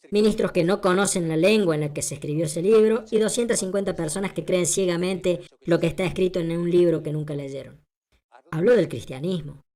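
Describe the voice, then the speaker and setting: This translated lecture is voiced over by a woman whose voice is lowish and dark in tone. She speaks emphatically and rhetorically, going over her points again and questioning the audience.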